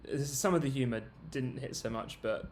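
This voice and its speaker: A man's voice: medium pitch, moderate pace. Rambling man on a video call. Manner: rambling, retells scenes with many fillers. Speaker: film review panelist. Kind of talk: casual roundtable chat.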